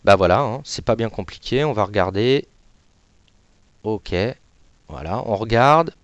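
A man giving a casual live demonstration of trading software to an audience, hesitant, with many fillers and little sound words. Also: on the low side, animated, a little slow, no room sound, lo-fi sound. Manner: says he is not an analyst. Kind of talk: live software demo webinar.

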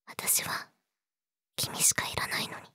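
A woman's voice: a little slow, pushed and bright, no room sound, in a whisper, clean studio sound. A woman playing a young, clingy yandere girlfriend in an intimate audio drama, sweet and eerily obsessive, coaxing the listener. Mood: possessive, pleading.

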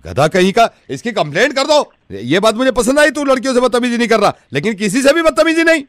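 Man putting on a high, swooping girl's voice, bossy call-center agent, easily offended, prank call. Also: huge pitch swings, dry recording, clean studio sound. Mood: outraged. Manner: haughty, quick to take offense, bossy. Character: man playing a touchy young female call-center agent.

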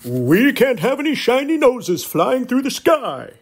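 A stern, fatherly old Santa, as a woman reader puts him on speaks slowly in a raised, breathy storybook voice. The lines lift above her usual tone and carry a lively sway of pitch. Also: exaggerated voice.

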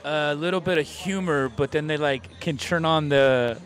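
A man's voice: fairly high pitch, normal speed, fairly bright tone. A man co-hosting a casual podcast, laid-back, teasing and swearing freely. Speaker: podcast co-host.

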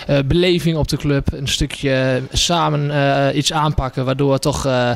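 A young man in his twenties, a hockey trainer and event organizer, talks into a handheld microphone in a small indoor café. His medium-pitched voice has vocal fry and fairly even intonation, and he speaks a little slowly and hesitantly, with many fillers, in a casual promo interview.

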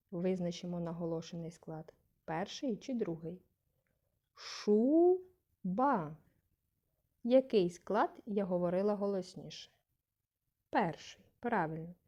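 A woman teaching a young class, slow and patient, saying example words aloud with a rising question tone to stress syllables. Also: fairly low pitch, dark tone. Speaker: primary school teacher. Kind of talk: scripted lesson narration.

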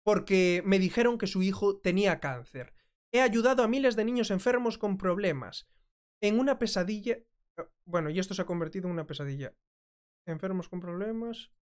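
A woman's voice: mid-range voice, expressive, a little fast, darkish tone. Spanish-speaking woman narrating video commentary. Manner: conversational, frequent checking "¿mm?". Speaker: commentary host. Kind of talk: reacting to and translating a video.

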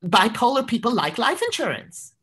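A woman's voice: on the high side, very animated, moderate pace, fairly bright tone. A woman voicing a chatty, odd female patient in her fifties who talks with cheerful insistence.

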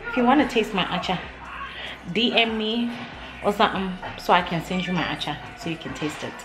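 A young woman chatting casually to a handheld camera for her vlog, animated and laughing between phrases. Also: medium pitch, fairly quick, a crowd in the background, rough recording. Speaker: vlogger. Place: gym, kitchen and parked car. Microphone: handheld camera at arm's length. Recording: loud music playing behind her.

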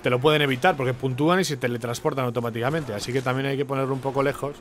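A young man from commentating his own gameplay, excitable, with sudden shouting bursts and repeated words. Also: mid-range voice, racing, a little hiss or hum. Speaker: gaming YouTuber.

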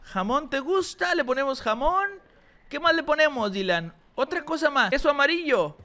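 A woman runs a let's-play gaming channel, playing with her young child, who gets excited and shrieks in alarm at the game, while she addresses her viewers directly. Her voice is high-pitched at a moderate pace.

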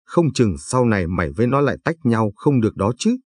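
A man's voice: fairly low pitch, sing-song, brisk, a little mellow, dry recording, clean studio sound. A man voicing a kindly old village grandfather in a told story, talking in a patient, advising way.

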